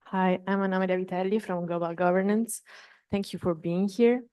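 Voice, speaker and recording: A woman's voice: medium pitch, steady tone, fairly quick, dark tone, clean tone. A woman, a student, asking a polite and slightly hesitant question. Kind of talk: formal audience question.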